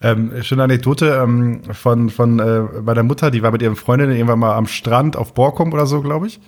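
North german guy, young, talks really fast, slangy rambling podcast chat. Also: mid-range voice, steady tone, a little mellow. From East Frisia, Germany. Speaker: podcast co-host. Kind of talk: casual anecdotal podcast chat.

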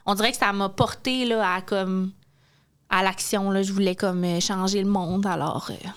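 A woman's voice: mid-range voice, fairly even intonation, normal speed, fairly bright tone, clear, resonant tone. A woman with a Quebec French accent, a teacher chatting casually and informally. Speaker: school teacher, guest in conversation. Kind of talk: casual chat.

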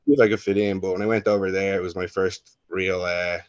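Young irish man, very low voice, rambling and laid-back, dull dry lo-fi sound. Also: little pitch movement, fast talker, no echo. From Ireland. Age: young adult. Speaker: guest. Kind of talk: casual interview storytelling.

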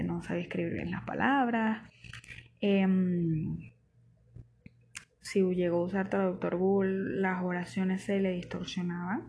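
A woman's voice: lowish voice, creaky, slight background noise. Chatty young Venezuelan woman storyteller. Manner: chatty, animated, slangy, laughs often. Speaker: vlogger. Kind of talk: casual storytelling.

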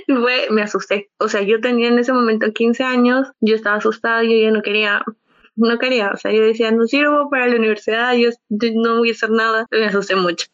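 A young woman chatting casually, telling a personal story in an animated way that relives the moments as she goes. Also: on the high side, fast, dry recording. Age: young adult. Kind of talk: casual chat. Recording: dull lo-fi sound, dry.

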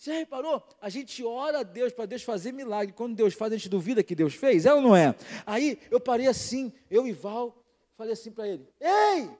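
A man, a pastor preaching a sermon in church, moving from told stories into shouted, fiery crescendos. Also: very high voice, animated, brisk. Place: church sanctuary. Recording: long hall reverb.

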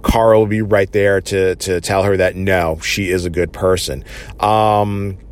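Low-voiced man rambling through a recap. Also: steady tone, measured pace. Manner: rambling, lots of "you know" and "uh" fillers. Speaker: TV episode reviewer. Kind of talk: casual episode recap.

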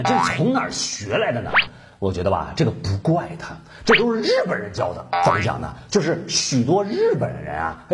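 A male talk show host mocks his topic in a satirical monologue. His pitch swings lively and sits a bit high. Loud noise runs behind him. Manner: mocking, chuckling asides.

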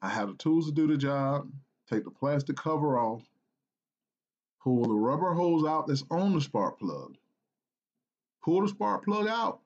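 A man from South Carolina telling a personal story in an earnest, halting way, with restarts and repeated phrases. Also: fairly high pitch, darkish tone, highs cut off. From South Carolina, United States.

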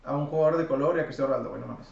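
A man's voice: mid-range voice, rapid-fire, vocal fry, a little mellow. A young man with a Mexican accent, arguing insistently in a casual podcast debate and tossing in fillers between phrases. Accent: Mexican Spanish. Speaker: podcast co-host. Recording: echoey room, distant mic, dull sound.

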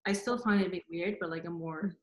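A woman guest in a casual spiritual interview, rambling with many "like" fillers and soft laughs. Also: on the low side, fairly even intonation, quick pace. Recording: roomy echo.

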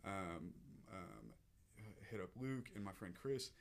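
A man's voice: deep voice, expressive, takes it slowly, gravelly. A man, telling a personal story as a podcast guest, earnest and emotional, often restarting his sentences.

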